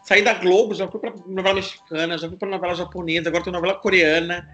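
A man in his thirties from Brazil, hosting a casual chat, animated and confessional, acting out other people's reactions. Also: high-pitched, fast talker, soft background music.

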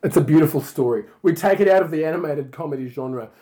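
A man co-hosting a casual comedy chat, a little tipsy from wine, pitching a ridiculous movie idea with mock seriousness and frequent laughter. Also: fast, warm tone. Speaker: podcast co-host.

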